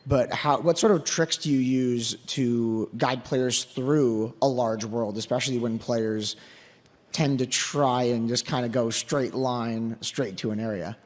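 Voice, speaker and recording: A man from Michigan with a mid-range voice asks a question from the audience. He stops often and fills his pauses with uh. The room around him is a hall with a long reverb. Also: mid-range voice. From Ann Arbor, Michigan. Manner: halting, many uhs. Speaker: audience member asking a question.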